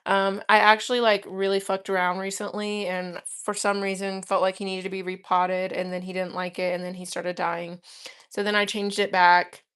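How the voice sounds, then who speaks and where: A woman's voice: mid-range voice, level tone, moderate pace, fairly bright tone, clean tone. A woman chatting casually on a live stream at home, rambling fondly and talking to her houseplants. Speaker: livestreamer offering paid personal readings. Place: her own home, indoors.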